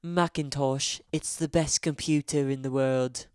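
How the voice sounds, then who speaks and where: A man putting on a fake British accent to voice a smug, drawn-out Apple-loving tech snob. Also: mid-range voice, steady tone, a little mellow, smooth, no echo, natural voice. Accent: put-on British.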